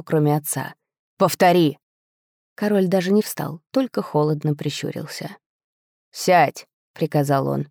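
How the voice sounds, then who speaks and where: Brief: woman audiobook narrator, low mellow voice, close dry mic, steady expressive first-person reading. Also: no echo.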